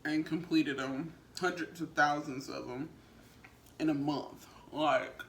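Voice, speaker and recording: A woman with a gravelly, fry-laden voice talks casually to her viewers as a mukbang vlogger. Her delivery rambles conversationally, and the room rings with noticeable echo over faint background noise. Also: low voice, fairly even intonation, takes it slowly, a bit bright. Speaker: vlogger and small business owner.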